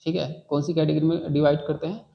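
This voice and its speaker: A man's voice: fairly high pitch, level tone, fast talker, gravelly. Patient man teaching a class. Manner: patient, repeats key words and checks with "ठीक है". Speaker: English teacher. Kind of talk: classroom lesson. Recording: dull lo-fi sound.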